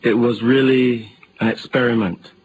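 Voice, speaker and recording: A man's voice: medium pitch, steady tone, normal speed, noisy background. A man from Barbados, a guest on a radio interview, who talks hesitantly and repeats words.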